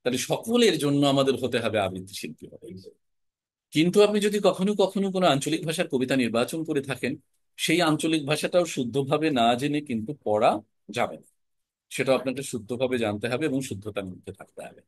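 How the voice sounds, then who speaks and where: A man teaching an online class on spoken-word art, explaining in a measured, emphatic way with deliberate pauses. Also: mid-range voice, lively intonation, no room sound. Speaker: recitation and voice teacher.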